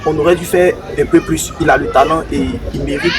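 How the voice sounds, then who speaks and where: A man's voice: on the high side, steady tone, brisk, a crowd in the background, rough recording. A man giving emphatic football opinions, often repeating words as he searches. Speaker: football pundit. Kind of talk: debate commentary. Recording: music bed behind voice.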